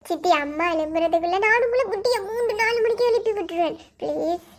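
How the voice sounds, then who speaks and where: A woman voicing a shrill, pleading little girl. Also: fast. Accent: Sri Lankan Tamil.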